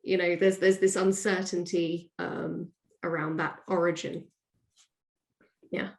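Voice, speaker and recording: A woman appears as a podcast guest on a remote call using her own microphone, chatting casually and explaining things in an interview. Her voice is lowish and gravelly with a flat delivery and measured pace, and the recording sounds roomy and echoey.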